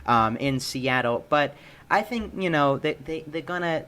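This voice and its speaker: A man's voice: fairly high pitch, animated, unhurried, fairly bright tone, clean tone. A man co-hosting a casual sports podcast, stammering and repeating words as he talks.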